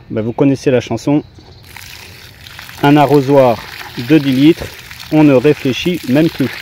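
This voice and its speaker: A fairly high-pitched, warm male voice comes through with slight background noise. He hosts a gardening video, walking through each step in a plain-spoken, colloquial way. It's casual instructional gardening narration.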